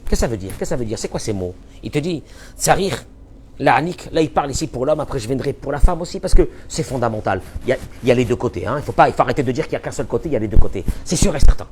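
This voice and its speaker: A male rabbi teaching a Torah lesson in a mid-pitched voice. He is emphatic and repeats his key phrases, with the volume rising and falling. A faint hiss sits underneath. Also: animated, rapid-fire. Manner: emphatic, repeats key phrases, swings between loud and soft.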